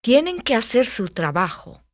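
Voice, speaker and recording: A woman with a fairly high voice says single words and short answers for a language lesson, crisp and clipped. Her intonation is lively. The recording is dry and close. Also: moderate pace, no echo. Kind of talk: scripted lesson drills.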